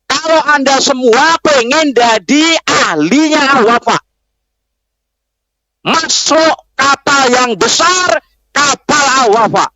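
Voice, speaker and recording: A man's voice: very high voice, pushed and bright, no room sound, low-quality recording. A man preaching a sermon to students, telling a story and firing rhetorical questions at the crowd. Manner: keeps asking the audience rhetorical questions. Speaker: preacher addressing Islamic boarding school students.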